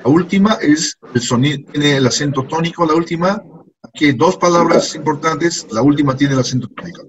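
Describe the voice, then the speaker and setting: A man with a slightly high voice speaks briskly as he leads an English lesson for a group of students, patiently going over words and phrases again and again. The recording is muffled.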